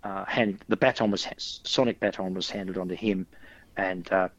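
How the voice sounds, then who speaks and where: A man's voice: low voice, fairly even intonation, moderate pace, dry recording, highs cut off. Stammering man, dry sound. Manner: stammering, enthusiastic. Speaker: podcast co-host. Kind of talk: casual chat.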